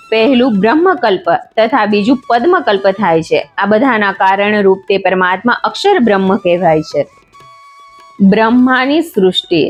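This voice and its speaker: A woman narrating a devotional scripture in a measured, steady recitation. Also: fairly high pitch.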